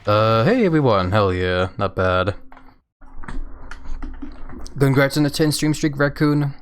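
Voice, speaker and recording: A man's voice: mid-range voice, lively intonation, takes it slowly, a little hiss or hum. A man casually chatting with viewers while playing a racing game on a live stream, laid-back and laughing often.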